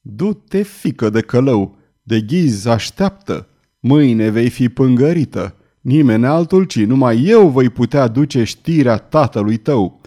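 A man's voice: mid-range voice, expressive, dark tone, natural voice. A man voicing a cruel, gloating male troupe leader who hisses and bellows, in a read-aloud story. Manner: hissing through teeth, then bellowing.

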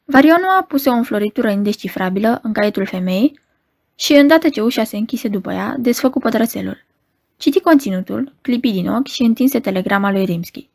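A woman narrating a novel in a measured storytelling manner. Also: a little high, animated, gravelly, darkish tone. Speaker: audiobook narrator. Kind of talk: novel reading.

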